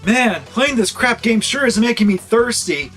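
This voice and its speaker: A man's voice: very high voice, animated, moderate pace, a bit bright, soft background music. A man doing a comedic angry gamer review, ranting and swearing in exasperation like a raging gamer. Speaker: video game reviewer. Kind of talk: comedic angry gamer parody review, scripted narration with outbursts.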